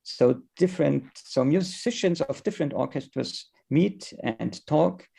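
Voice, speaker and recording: A man with a German accent giving a conference presentation in English, halting and searching for words as he goes. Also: a little high, lively intonation, gravelly, dark tone, breathy edge. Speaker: conference speaker.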